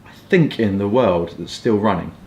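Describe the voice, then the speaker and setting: This southern English pipe and cigar vlogger, in his twenties, has a lowish, creaky, slightly mellow voice at normal speed. His talk is a loose, rambling chat full of hedges, recorded indoors in a small furnished home room with roomy echo and a bit of background noise.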